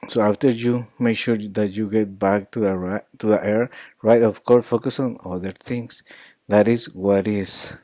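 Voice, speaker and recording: A man teaching pronunciation, repeating words and phrases slowly to model the sounds. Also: on the low side, steady tone, warm tone, dry recording. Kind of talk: accent coaching lesson.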